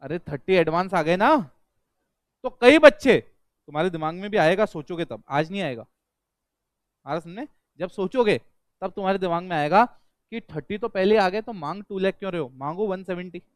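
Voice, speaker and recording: A male accountancy teacher with a high, smooth and clear voice, lecturing a class of students. He fires questions at them, repeats each one, and drills the answers back while mixing English accounting terms into his talk. The sound is dry and close, with almost no room echo. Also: animated, moderate pace.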